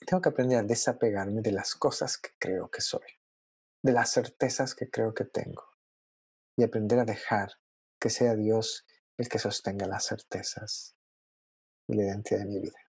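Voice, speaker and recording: A young adult man preaching a sermon in a conversational, expressive way, often checking in with his listeners. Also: fairly low pitch, normal speed, husky, dry recording.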